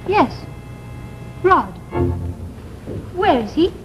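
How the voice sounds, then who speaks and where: An actress playing an earnest young wife who quietly and steadily confronts her rival, heard as a 1950s TV broadcast. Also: extremely high pitch, big pitch swings, very slow, over music, exaggerated voice. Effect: 1950s TV broadcast sound. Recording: muffled old TV audio with hiss.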